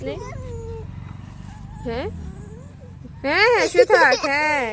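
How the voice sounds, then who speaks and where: A woman's voice: high-pitched, animated, a little slow. A woman scolding and coaxing her child in repeated short phrases, talking casually outdoors by a street, recorded on a phone camera. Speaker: mother. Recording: loud street noise behind.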